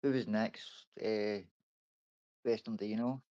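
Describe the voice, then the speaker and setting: A man's voice: on the low side, steady tone, slow pace, dark tone, dry recording. A man hosting a casual group voice chat, blunt and coarse in how he talks. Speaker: voice chat panel host. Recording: dull, lo-fi dry mic.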